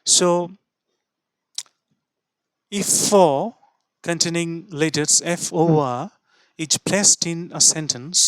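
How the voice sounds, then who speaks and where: Slow-explaining male teacher. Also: fairly high pitch, smooth, dry recording. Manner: explains slowly, repeating sounds and spelling out letters. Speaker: English pronunciation teacher. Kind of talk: spoken lesson.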